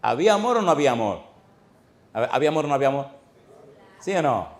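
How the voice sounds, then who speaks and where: A middle-aged man, a pastor telling stories in a sermon to a church congregation, swinging between loud exclamations and hushed, tender asides. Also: mid-range voice, sing-song, fast talker. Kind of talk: storytelling sermon.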